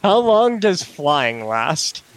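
A man's voice: on the high side, sing-song, extremely slow, a little hiss or hum. A man narrating and role-playing as game master in a casual tabletop game.

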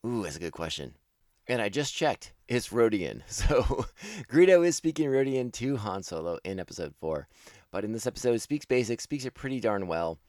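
A man's voice: on the low side, sing-song, moderate pace, a little mellow, dry recording, studio quality. A man hosting a casual podcast commentary, rambling with frequent restarts and self-corrections, enthusiastic and laughing at himself.

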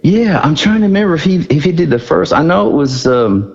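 A man's voice: a little high, expressive, brisk, creaky, breathy edge. Laid-back man in a dull, roomy recording. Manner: laid-back, laughs often while telling stories. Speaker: guest musician. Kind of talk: casual storytelling interview.

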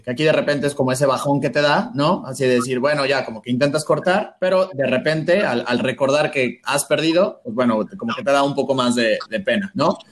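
A man co-hosting a casual talk, laying out study figures in a methodical way. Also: mid-range voice. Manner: methodical, walks through figures. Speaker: co-host. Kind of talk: explaining study data in casual chat.

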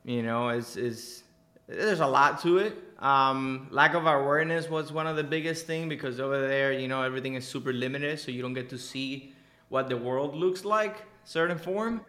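A young Cuban man, an entrepreneur and coach, chats as a guest on a podcast in a casual interview. His mid-range voice is bright and forceful at a normal pace, and he talks animatedly, repeating words for emphasis, with an echoey room around him.

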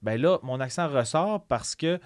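Self-mocking Québécois podcast host. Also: male voice, medium pitch, animated, measured pace, no room sound. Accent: Québécois French. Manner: self-mocking, reads listener questions. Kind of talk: casual chat. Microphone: studio mic.

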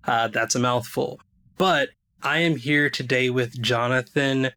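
A young man hosts a podcast in a relaxed, conversational way. His voice is bright and a little tense. He talks loosely, with quick asides and the odd laugh, at a middling pitch. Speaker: podcast host. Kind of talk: casual podcast chat.

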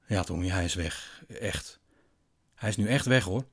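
A man voicing a stern father who has been drinking, speaking haltingly and unsure of himself. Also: sits low, husky, full character voice. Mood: uneasy. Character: tipsy stern father, uneasy.

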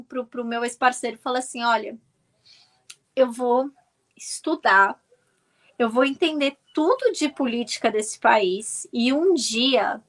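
A woman from Brazil, in her thirties, telling stories as an interview guest, animated and often restarting her words. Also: fairly high pitch. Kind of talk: casual storytelling.

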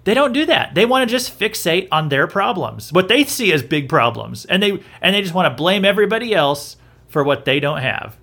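A man's voice: fairly high pitch, very animated, a little fast, vocal fry, bright, forceful tone, husky. A man hosting a podcast, talking through news in a casual, opinionated way, often restarting his sentences. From southern United States. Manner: conversational, repeats himself and restarts often. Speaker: podcast host. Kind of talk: opinionated commentary.

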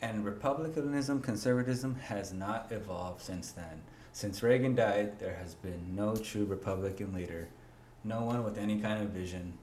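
A man's voice: fairly low pitch, normal speed, darkish tone. Echoey young man arguing his views. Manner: emphatic, opinionated, rises when arguing. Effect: echoey sound on his voice. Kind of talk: casual political chat. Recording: echoey room, faint ambient hiss.

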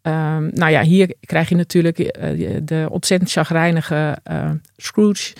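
A woman's voice: sits low, lively intonation, unhurried, gravelly, darkish tone, dry recording, studio quality. A woman translator talking as a guest in an interview, hesitant and full of fillers. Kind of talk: casual interview talk.

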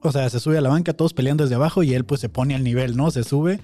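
Speaking fast in a mellow, mid-range voice, this podcast host with a Mexican Spanish accent chats casually about videos he's reacting to, sounding incredulous and using many fillers. Soft music plays behind his close studio mic.

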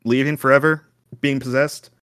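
A man playing a rattled, sarcastic son lost without his friends in improvised tabletop role-play, halting and flustered as he talks. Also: mid-range voice, flat delivery, a bit bright, no room sound, clean studio sound, pitched above the performer's own voice, close to an everyday voice. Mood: bitter, sarcastic.

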